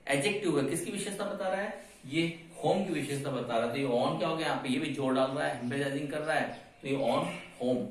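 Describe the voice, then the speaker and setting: A man's voice: medium pitch, a bit bright. A man teaching an English grammar lesson, explaining step by step and asking and answering his own questions. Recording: echoey room from a distance.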